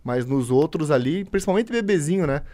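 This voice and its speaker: A young man, a firefighter, chatting casually and easily, pausing now and then to recall details. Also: a little high. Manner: relaxed, easygoing, pauses to recall details. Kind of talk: casual chat.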